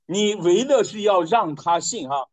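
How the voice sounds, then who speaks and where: A man preaching a storytelling sermon, conversational and folksy, repeating phrases for emphasis and often letting his voice sink low and quiet at the end of a point. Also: lively intonation, measured pace, low-quality recording.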